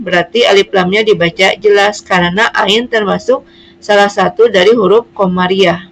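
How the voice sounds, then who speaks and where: A woman's voice: medium pitch, creaky, a bit bright, low-quality recording. A woman teaching Quran reading, explaining patiently and spelling out letters one at a time. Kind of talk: slow classroom explanation.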